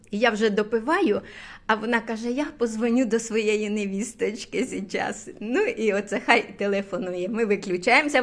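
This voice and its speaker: Older woman from Ukraine, high bright voice, chatty homey vlogger who coos at her pet. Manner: chatty, cooing affectionately at her dog. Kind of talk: casual home vlog chat. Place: indoors at home, then at a neighbor's house.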